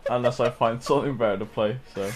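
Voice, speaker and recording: A man's voice: mid-range voice, fast, very noisy. A man streaming a game, chatting casually and playfully with friends and laughing often. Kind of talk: casual gaming stream chat.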